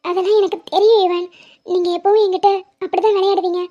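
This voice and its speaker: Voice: very high voice, flat delivery, fast, dark tone. A woman voicing a clingy young heroine. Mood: pleading. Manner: pleading, emotional. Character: young woman, clingy, anxious and devoted lover. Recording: dull lo-fi cartoon audio.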